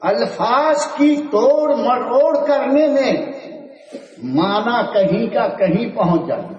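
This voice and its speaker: A man giving a sermon, telling an anecdote with lively acted-out dialogue and chuckles. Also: very high-pitched. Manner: animated storytelling, acting out the dialogue, chuckling. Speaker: preacher. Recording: echoey hall, distant mic, dull sound.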